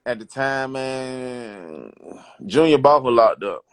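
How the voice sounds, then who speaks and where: A man in his thirties speaks with an Alabama Southern accent in a dry, close recording. He is relaxed and slangy, giving short, casual answers in an interview. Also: mid-range voice, slow pace, smooth, no echo. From Alabama, United States. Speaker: DJ and rapper, interview guest. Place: small wood-panelled room indoors. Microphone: phone at close range, video call.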